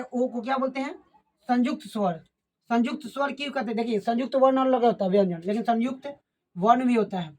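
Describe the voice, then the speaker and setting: A woman teaching a grammar lesson. She asks questions and answers them herself, and she repeats key terms slowly. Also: a little high, a little mellow.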